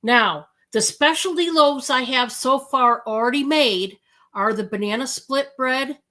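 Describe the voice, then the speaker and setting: An American woman hosting a live sales stream, chatting casually and slowly with many fillers. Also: high voice, pushed and bright.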